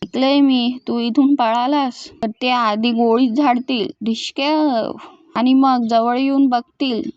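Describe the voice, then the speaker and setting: A woman's voice: on the high side, fairly even intonation, a little slow, darkish tone, no room sound, highs cut off, close to an everyday voice. A woman voicing a scheming man who slyly describes a trap. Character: scheming man bluffing about guards.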